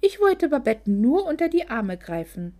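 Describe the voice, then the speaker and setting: A woman's voice: high voice, sing-song, moderate pace, warm tone, pitched above the performer's own voice. A woman voicing a greedy, fake-sweet moneylender man who talks in a mock-polite, condescending way, in a storybook reading. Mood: oily.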